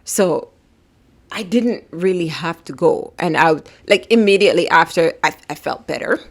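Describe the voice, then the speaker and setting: A woman's voice: on the low side, moderate pace. A young woman giving a casual self-help talk to camera, emphatic and repetitive, sometimes dropping to a whisper. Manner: emphatic, repetitive, drops to a whisper when voicing the body. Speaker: vlogger.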